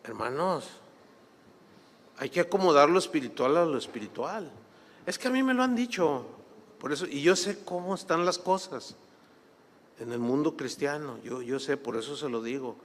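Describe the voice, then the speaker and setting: A man preaching a sermon, telling a story with lively acted-out voices. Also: fairly high pitch, normal speed. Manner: animated, acts out quoted voices, laughs while telling. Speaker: pastor. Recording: long hall reverb.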